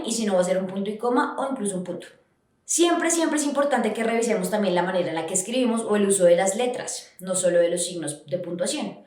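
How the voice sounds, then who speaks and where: A woman giving an educational podcast lesson on writing, explaining step by step with frequent restarts. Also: mid-range voice. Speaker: writing instructor. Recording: very echoey room.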